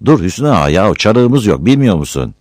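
A man's voice: on the low side, very animated, brisk, a little mellow, no room sound, clean studio sound, pitched above the performer's own voice. A man voicing a lazy, cheeky young village man who jokes his way out of everything. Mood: joking. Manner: joking, easygoing.

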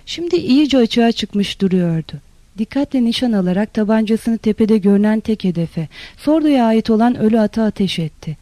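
A narrator reading a literary novel in a steady, even storytelling manner. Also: mid-range voice, normal speed, no echo. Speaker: audiobook narrator.

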